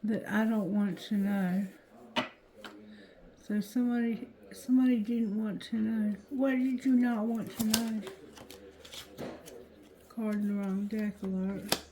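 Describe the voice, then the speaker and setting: A tired, drowsy woman doing a casual card reading, with thick-tongued, slightly slurred speech and a halting, repetitive delivery. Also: mid-range voice, steady tone, crowd noise. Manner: slow, halting, repeats phrases. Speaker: tarot reader.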